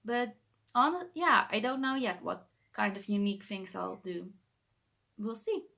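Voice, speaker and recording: Her voice is medium-pitched, unhurried, gravelly, pushed, and bright. A young Dutch-accented woman from the Netherlands, she's a booktuber chatting casually to camera in her bedroom, hesitating, correcting herself, and laughing shyly.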